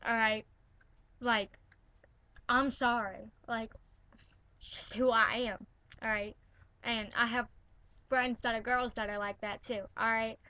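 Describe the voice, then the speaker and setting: A woman's voice: fairly high pitch, steady tone, slow, pauses often, pushed and bright, no echo. A teenage girl ranting from her bedroom in an indignant, sarcastic way, filling her talk with "like" and "all right?". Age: teens. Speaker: vlogger. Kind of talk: ranting to camera.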